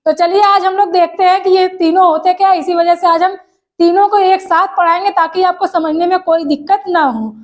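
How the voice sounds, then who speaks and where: Female teacher, very high pitch, explains step by step with rhetorical questions and slow read-out definitions. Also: fairly even intonation. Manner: reads definitions slowly. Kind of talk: exam-prep language lesson.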